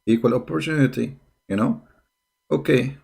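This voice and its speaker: A man with a mid-range, creaky voice, a little mellow with a breathy edge, speaks at a moderate pace. He is the host of a religious debate channel whose first language isn't English, and his reaction commentary is a mocking polemic, sarcastic, combative and full of repeated rhetorical questions.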